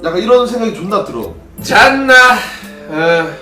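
Young man, Gyeongsang accent, high and animated streamer voice, distant roomy mic with faint music under him. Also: normal speed. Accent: Gyeongsang Korean. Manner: casual, rambling, answers chat questions. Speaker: streamer, former pro gamer. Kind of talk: solo drinking livestream chat.

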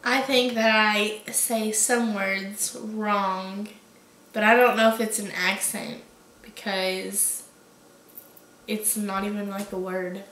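A woman's voice: mid-range voice, fairly even intonation, takes it slowly, a bit bright. A young adult woman answering questions in a casual chat. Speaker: vlog guest answering questions. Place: small room at home, indoors. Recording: distant, roomy, faint background noise.

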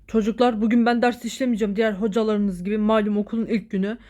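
A strict female schoolteacher in a toy-figure story drama, played by a woman, stern and scolding. She warns the class and snaps at them to hush. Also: medium pitch, fairly even intonation, fast, natural voice.

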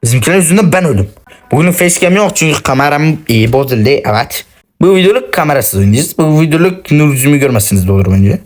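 A man giving excitable, cursing, self-mocking commentary while playing a shooter game on his phone. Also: on the high side, fast, faint music behind. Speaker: gaming channel host. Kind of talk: casual gameplay commentary.

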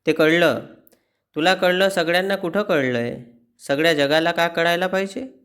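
A man's voice: a little high, normal speed, a bit bright, clean tone. A man reading the lines of an exasperated wife who scolds her husband in a nagging tone. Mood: scolding.

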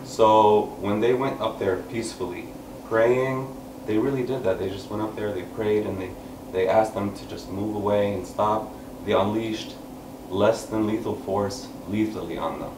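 Before performing a poem at an open mic, a thirty-something man explains it earnestly, with many pauses and hand gestures, to a few listeners seated in a small indoor room where he sits on a couch. His lowish voice stays steady, and a far-off camera without a visible mic captures echo and background noise.

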